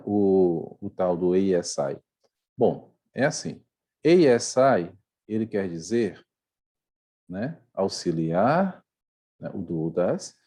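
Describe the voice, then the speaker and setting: A man's voice: fairly low pitch, dark tone, breathy edge. A Brazilian man teaching English grammar online in a Brazilian Portuguese accent, explaining step by step and often checking in with his students.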